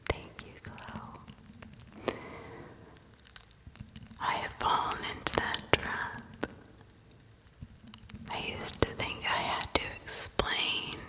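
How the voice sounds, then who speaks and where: Female ASMR streamer: whispered, breathy, unhurried delivery, reassuring manner, gently repeating words to listeners. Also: long reverb tail, rough recording. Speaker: ASMR livestream host. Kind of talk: whispered ASMR, chatting to live viewers.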